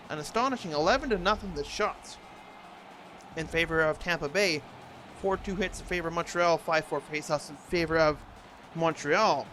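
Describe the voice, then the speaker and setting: A man's voice: high-pitched, bright, forceful tone. A man doing play-by-play hockey commentary for a video game, imitating a TV sports announcer's delivery. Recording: noisy, game sound throughout.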